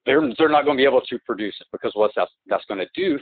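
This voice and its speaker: A man on a phone call who talks in a halting, rambling way, restarting and repeating words, and presses his complaints insistently, heard through a phone line. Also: medium pitch, animated, no room sound. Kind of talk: phone conversation. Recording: tinny, dry phone-line recording.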